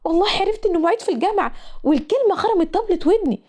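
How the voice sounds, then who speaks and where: A woman's voice: high voice, lively intonation, racing, mellow. A woman voicing a sulky young female student with an Egyptian accent, complaining dramatically. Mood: whiny. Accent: Egyptian Arabic. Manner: whiny, exaggerated complaining.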